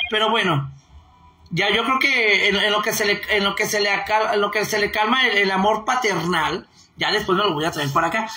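A Mexican woman hosts a casual live stream and reads viewer comments aloud. She rambles playfully and giggles, salting her talk with crude local slang. Her voice is bright and a bit sharp, with a roomy echo around it. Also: medium pitch. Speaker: online streamer.

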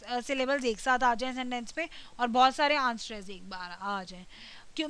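A woman teaching spoken English in a Hindi-English mix, patiently explaining and reading example sentences slowly with heavy stress. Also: high-pitched, pushed and bright, smooth. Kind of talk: classroom lesson in Hindi mixed with English.

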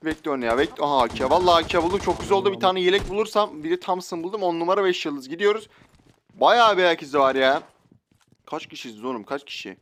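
A young man giving loud, joking commentary while playing a shooter game, often shouting out at sudden moments. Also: fairly high pitch, animated, fast talker, slight background noise. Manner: loud outbursts, joking, slangy. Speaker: gaming YouTuber. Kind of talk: excited gameplay commentary. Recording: faint game sounds and gunfire.

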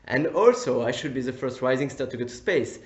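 A man in his twenties from France with a French accent, giving an earnest, enthusiastic self-introduction pitch. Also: lively intonation, brisk, echoey room. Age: 20s. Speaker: competition applicant.

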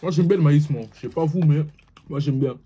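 A man's voice: on the high side, brisk, warm tone, breathy edge, dull audio. A young man with his mouth partly full, giving a slangy, laid-back food tasting review, repeating himself as he chews. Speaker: food vlogger.

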